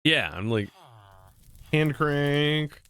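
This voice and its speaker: Talking extremely slowly, this American man in his thirties chats casually with viewers during gameplay, rambling and cracking jokes between moves. His slightly high voice is animated, fairly bright and clean.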